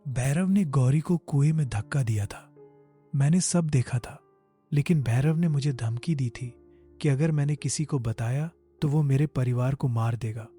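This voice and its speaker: A man playing a defensive, guilt-ridden village headman in a horror story, with a husky, dark voice. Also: medium pitch, normal speed, close to an everyday voice. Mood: guilty confessing. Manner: defensive, confessional. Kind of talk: scripted horror story acting. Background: prominent music.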